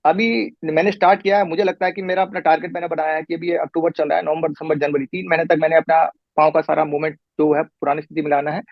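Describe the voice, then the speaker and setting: Middle-aged guy rambling on fast as a patient, lots of restarts, dull lo-fi recording. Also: on the high side, little pitch movement, vocal fry, no echo. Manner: detailed, rambling account with restarts. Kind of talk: casual conversation. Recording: muffled lo-fi recording.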